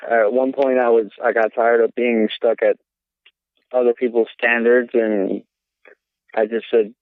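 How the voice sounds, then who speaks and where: A man's voice: medium pitch, level tone, a little slow, dry recording. A man from South Carolina, a podcast guest, talking in a laid-back casual way and often saying man and dude. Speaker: podcast guest, business owner. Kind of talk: casual interview chat. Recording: tinny phone-like line.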